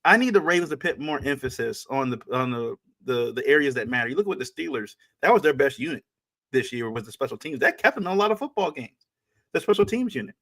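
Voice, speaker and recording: A man co-hosting a sports talk podcast at a mid-range pitch. He speaks casually but with emphasis, driving his points home through repetition. He often stops and restarts his sentences. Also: lively intonation, quick pace, a bit bright.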